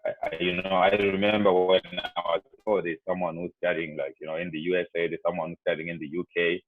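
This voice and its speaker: A young Zimbabwean man with a low voice and level tone talks quickly and casually to students over a video call. He rambles, leaning heavily on "like" and "you know," and the audio is tinny and dry.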